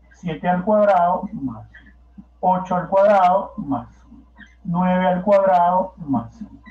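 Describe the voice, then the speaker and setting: Male Peruvian Spanish math teacher, high animated voice, slow, echoey room. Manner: coaxing, peppered with rhetorical questions. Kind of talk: classroom lecture. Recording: echoey, dull lo-fi classroom recording.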